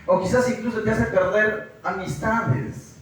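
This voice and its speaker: A high-pitched male pastor from Peru preaches a verse-by-verse sermon in a church hall. He asks the listeners rhetorical questions and acts out pleading prayers. The voice sounds far from the mic, with a very echoey room and faint background noise. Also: steady tone, measured pace.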